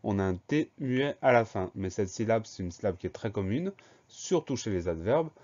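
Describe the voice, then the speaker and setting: A man teaching a French spelling dictation lesson, explaining each word slowly and spelling it out letter by letter in a patient, steady way. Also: fairly low pitch, muffled recording. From France.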